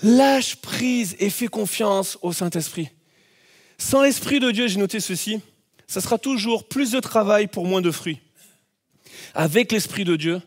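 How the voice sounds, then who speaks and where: Animated high-voiced male preacher. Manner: animated storytelling, acts out scenes with shouts. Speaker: pastor. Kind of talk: sermon.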